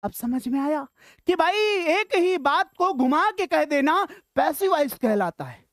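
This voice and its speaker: A woman with an Indian accent gives an informal grammar lesson that mixes Hindi and English, staying chatty and encouraging while often checking that learners follow. Her high voice is sing-song and unhurried, recorded at studio quality with no echo.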